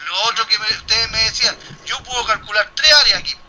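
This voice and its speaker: Explaining a statistics problem to his class, this middle-aged university lecturer thinks aloud, restarting and asking rhetorical questions. He talks fast in a high, sharp voice. The rough recording carries slight background noise.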